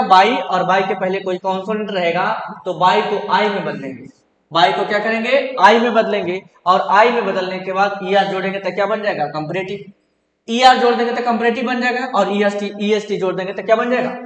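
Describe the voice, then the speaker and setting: A man teaching an English grammar lesson in Hindi, asking questions and answering them himself in a repetitive drilling way. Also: high-pitched. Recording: echoey hall, roomy reverb.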